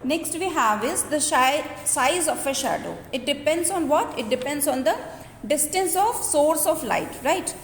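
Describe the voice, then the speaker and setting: A woman's voice: high voice, expressive, unhurried. A woman giving an earnest school lecture, explaining step by step and checking in with students through questioning tags. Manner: earnest, explanatory, often ending phrases with a questioning "right?". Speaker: school teacher. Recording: echoey reverberant room with background noise.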